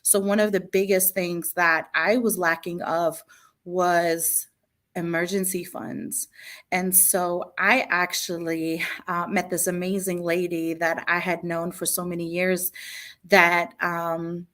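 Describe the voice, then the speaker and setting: A woman's voice: fairly low pitch, level tone, takes it slowly, a bit bright. A woman in her late thirties from Bosnia, a guest business consultant telling her story in a panel talk. She speaks earnestly and eagerly, with many fillers.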